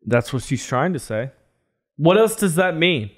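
A man in his thirties giving casual reaction commentary as a podcast co-host, emphatic and quick to qualify, on a close studio mic. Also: fairly high pitch, sing-song. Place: small foam-treated studio. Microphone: close studio microphone on boom arm.

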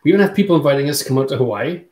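A man's voice: a little high, expressive, racing, darkish tone, echoey room. A man in his forties hosting a casual livestream, chatting with viewers and reading their comments aloud. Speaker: channel host. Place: home studio room. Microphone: studio mic on boom arm.

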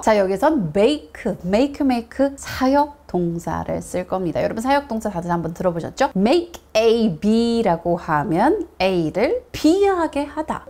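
Bright-voiced female announcer for an English lesson, animated delivery, slow careful pacing. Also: a little high. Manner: lively, drawing out English phrases slowly.

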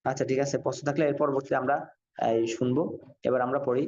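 A man teaching Quran reading in an online class, sounding out syllables slowly and repeating them for learners. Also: mid-range voice, level tone, darkish tone, slight background noise. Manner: slow syllable-by-syllable drilling, repetitive. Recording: dull lo-fi sound.

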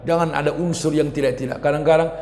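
Man, Islamic preacher, forceful sermon, high voice, long hall reverb. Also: fairly even intonation, fast talker. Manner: loud, forceful, swings between shouting and quiet asides; teasing, asks the audience questions directly. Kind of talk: lively sermon to a congregation.

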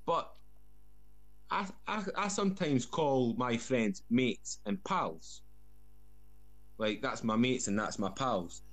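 A man's voice: mid-range voice, animated, slow pace, pauses often. A man from Scotland with a broad Scottish accent, telling casual anecdotes as a guest and often repeating words. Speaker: guest, former soldier.

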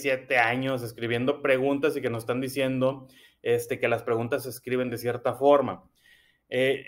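A man teaching a primary school lesson, patiently explaining and repeating key points with frequent checks. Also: fairly high pitch.

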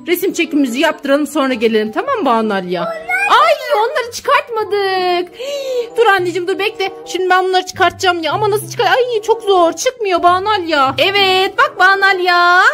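In a family vlog, a young mother filming her daughters scolds and pleads with one, then switches to soothing the other. Her voice is high-pitched and a bit bright.

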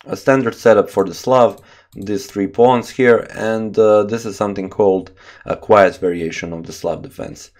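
A man hosting a chess channel, casually talking through a game with many filler pauses. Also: on the low side, steady tone, darkish tone. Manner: chatty, many uh fillers, admits struggling with names.

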